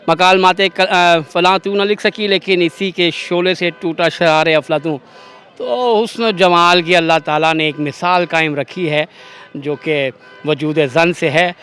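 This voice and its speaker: A man's voice: fairly high pitch, a bit bright, clean tone. A man in his forties from Pakistan, a father, speaking formally and reciting verse between hesitant fillers in a street interview outdoors.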